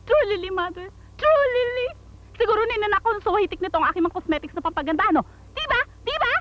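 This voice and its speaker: An actress playing a vain, sassy niece in a broad film comedy, theatrical and full of exclamations. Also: female voice, extremely high pitch, lively intonation, quick pace, fairly bright tone. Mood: outraged. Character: dramatic, sassy, vain young niece and schemer.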